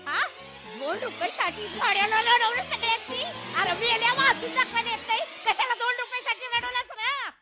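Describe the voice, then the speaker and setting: A woman's voice: very high-pitched, normal speed, over music. An actress playing a worried older village woman, pleading, wailing and scolding. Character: frantic old village grandmother, worried mother.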